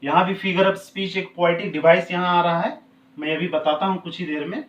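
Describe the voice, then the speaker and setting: A male teacher, explaining a poem to a class, who switches between slowly drawn-out English and quicker Hindi. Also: high voice, fairly bright tone, recorded from a distance, lo-fi sound. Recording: roomy, from off the mic.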